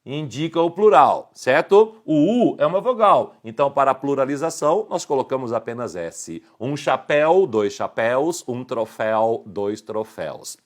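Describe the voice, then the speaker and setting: A man's voice: medium pitch, animated, moderate pace, few pauses. A middle-aged man with a Brazilian Portuguese accent teaching an online grammar lesson, explaining rules and asking the viewer short checking questions.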